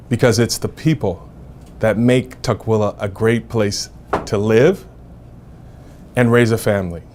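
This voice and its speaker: A man, a city council member seeking re-election, giving a deliberate campaign statement in short phrases. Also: fairly low pitch, a little mellow, slight background noise.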